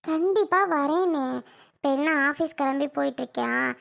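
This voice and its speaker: A woman's voice: high-pitched, vocal fry, fairly bright tone. A woman playing a young married woman, a younger sister who scolds and coaxes her brother in a family comedy skit. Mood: coaxing scolding. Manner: scolding yet coaxing, quick to snap.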